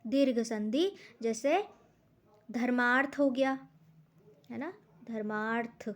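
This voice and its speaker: A woman teaching an exam-prep grammar class in a high, bright voice. She talks slowly and patiently, puts a question to the class and then answers it herself. She draws out each example word with care. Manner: explains step by step, asks questions and answers them herself; says words and examples slowly and deliberately.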